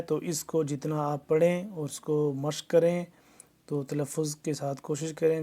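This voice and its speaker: A man with a Pakistani Urdu accent teaching Quran reading in a recorded lesson, spelling out syllables slowly and then explaining quickly. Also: a little high, warm tone.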